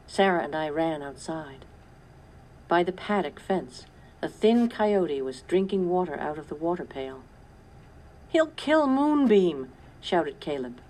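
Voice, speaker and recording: A woman reading a children's story aloud in a measured first-person narration. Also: low voice, darkish tone. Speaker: audiobook narrator.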